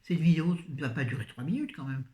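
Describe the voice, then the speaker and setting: A woman's voice: low voice, lively intonation, fast talker, mellow. A tired woman with a fading voice, chatting in a scattered, self-mocking way about her grocery haul, recorded on a phone. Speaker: vlogger. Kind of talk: casual shopping haul chat. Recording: echoey room.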